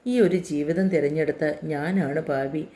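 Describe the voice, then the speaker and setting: A woman's voice: low-pitched, a little slow, mellow. A woman reading a story, voicing a desperate mother pleading in despair. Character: grieving, desperate mother of a daughter.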